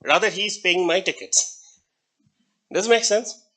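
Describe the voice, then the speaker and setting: A middle-aged man, a native Hindi speaker with an Indian English accent, gives a classroom lecture full of stories. He puts questions to the class and chuckles between points, his high-pitched voice sharp in tone and unhurried.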